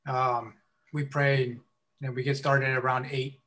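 Man, outreach volunteer, mid pitch, stumbles over his words on a call. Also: flat delivery, a little slow, bright, forceful tone. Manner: hesitant, stumbling. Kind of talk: casual video call talk. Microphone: video call.

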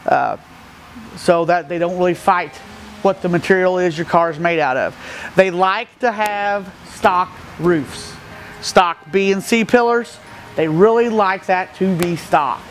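A middle-aged stock car racer from the Midwestern United States walks around his car, explaining it plainly and matter-of-factly with plenty of fillers. His voice is high and unhurried, with a bit of hiss or hum. A camera a few feet away records him in an open metal shed with a gravel floor, the outdoors close by.

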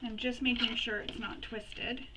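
A woman hosting a sewing tutorial, giving practical step-by-step instructions and pausing while she works. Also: on the high side, fairly even intonation, recorded from a distance, background noise. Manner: chatty and practical, pauses while working.

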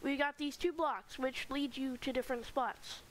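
A woman with a high voice gives casual, rambling commentary while playing a game and touring a base. She talks on a home mic, and a faint hiss sits under her voice. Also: steady tone, normal speed, rough recording. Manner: chatty, rambling tour-guide narration with fillers. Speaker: gaming channel host. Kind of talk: casual Minecraft let's play commentary.

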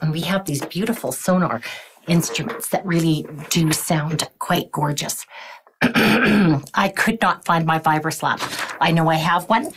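An older woman who teaches music leads a webinar demonstration in a low, unhurried voice that sounds croaky, often clearing her throat and counting beats out loud. There's noise in the background.

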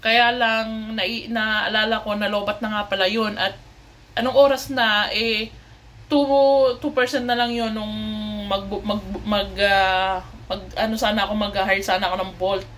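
A woman's voice: medium pitch, flat delivery, a little slow, a bit bright. A woman from the Philippines telling a story to her viewers in a casual, chatty way, mixing in English with many fillers and restarts. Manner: polite, addresses viewers often. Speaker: vlogger.

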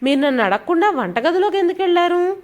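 A woman voicing a bossy young daughter-in-law in a storybook, shouting and scolding. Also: very high-pitched, sing-song, fast, pitched above the performer's own voice. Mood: angry scolding.

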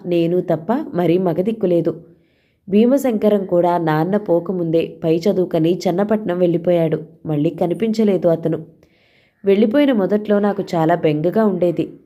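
A woman reading a first-person story aloud as an audiobook narrator, in a calm, measured way. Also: lowish voice.

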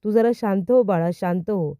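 A woman's voice: medium pitch, normal speed, no room sound, highs cut off, lightly acted. A woman voicing a caring young woman of the house who speaks affectionately and turns fiercely protective, reading her lines in a recap.

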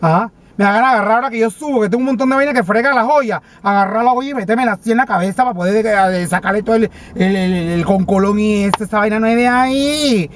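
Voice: mid-range voice, fast talker, few pauses, a little hiss or hum, natural voice. A comic performer with a Panamanian accent playing a vain, dramatic female TV personality who complains flamboyantly and stammers, speaking from inside a parked car. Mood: indignant. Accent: Panamanian Spanish. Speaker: comedy character vlogger. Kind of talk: comedic character monologue.

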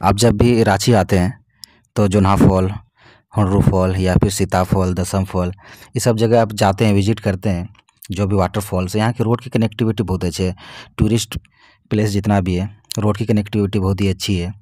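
Man giving travel info, low voice, dry close sound, steady and explanatory. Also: normal speed, dry recording. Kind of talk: informational talk to viewers.

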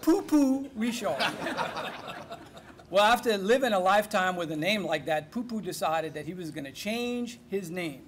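A man with a Cajun accent from South Louisiana, telling folksy comic stories to a live audience. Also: high voice. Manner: lively, folksy joke-telling with drawn-out punchlines. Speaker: humorist.

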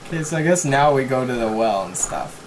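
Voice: mid-range voice, expressive, a little fast, a little hiss or hum, poor audio. A gamer commenting on a horror game, teasing a co-player and laughing and exclaiming a lot. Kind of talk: horror let's play commentary.

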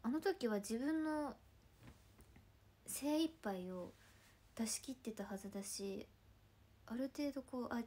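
A woman in her twenties from Ibaraki, Japan, hosting a casual livestream chat in a chatty, playful way, often dropping into soft murmured asides. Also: a little high, a little hiss or hum. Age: 20s. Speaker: idol livestream host.

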